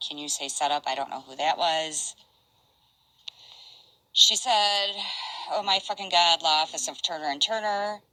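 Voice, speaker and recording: An older woman casually chatting on a stream, reading out messages in a halting, rambling way. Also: sits low, sharp tone, no room sound, low-quality recording. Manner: rambling, halting, restarts and asides.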